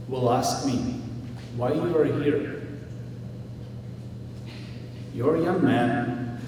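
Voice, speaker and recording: A man's voice: mid-range voice, dark tone, slight background noise. A man speaking at a remembrance ceremony in short, simple sentences with non-native grammar. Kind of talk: speech to an audience. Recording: echoey hall from far off, humming.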